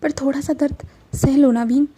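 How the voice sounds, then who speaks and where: A woman voicing a calm young man who speaks with soft, gentle reassurance, in a fan-fiction audio story. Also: high voice, normal speed, close to an everyday voice. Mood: tender soothing.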